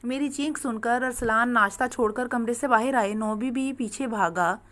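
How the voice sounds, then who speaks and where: A woman's voice: fairly high pitch, normal speed, a bit bright. Woman narrating a first-person story.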